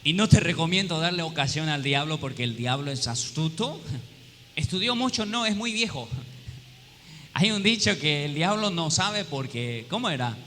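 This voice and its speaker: Bright, lively preaching man in a church. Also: on the high side, normal speed. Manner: call-and-response questions to the congregation; humorous, acts out little quoted scenes. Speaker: pastor. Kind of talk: sermon. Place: church hall. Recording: long hall reverb with faint room noise.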